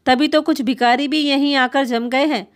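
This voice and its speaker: A woman's voice: high voice, fairly even intonation, moderate pace, lightly acted. Woman voicing a harsh, scolding daughter-in-law. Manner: sharp, scolding, contemptuous.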